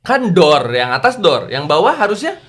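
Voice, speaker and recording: A man teaching a youth religious class over a video call, playful and animated, quizzing his listeners as he talks. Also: a little high, normal speed, a little hiss or hum. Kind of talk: lively lecture to teens.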